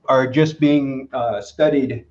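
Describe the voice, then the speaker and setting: A man's voice: medium pitch, fairly even intonation, takes it slowly, a little mellow. A man speaking as a guest expert on a live web show, explaining technical ideas with many fillers and restarts. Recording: roomy, dull lo-fi call audio.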